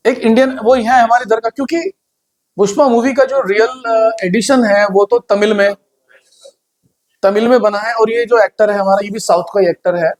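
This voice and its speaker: High-voiced man teaching class. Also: fairly even intonation, moderate pace. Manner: conversational, asks the class questions. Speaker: computer hardware teacher. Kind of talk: classroom lecture.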